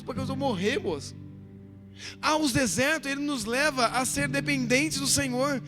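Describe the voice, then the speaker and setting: Brazilian pastor guy, really high voice, preaching hard then going quiet and personal, music under it. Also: normal speed. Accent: Brazilian Portuguese. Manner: impassioned preaching, swinging between loud declarations and quiet personal stories. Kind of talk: sermon.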